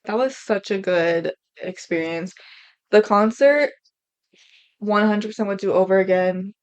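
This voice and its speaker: Young woman cohost, mid voice, gushing and animated while chatting. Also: medium pitch, a little slow, lo-fi sound. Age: young adult. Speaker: podcast co-host. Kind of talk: casual chat.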